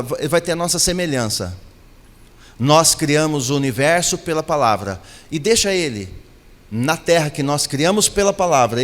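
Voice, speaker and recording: A man's voice: on the high side, long reverb tail. A man preaching a sermon as pastor, building to emphatic, repeated declarations.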